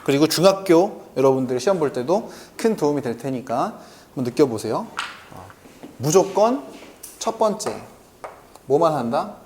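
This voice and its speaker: A man teaching a math lesson, who keeps asking the class quick questions and then answers them himself. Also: fairly high pitch, very animated, warm tone, slight background noise. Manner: keeps checking in with quick rhetorical questions to students; answers his own questions aloud.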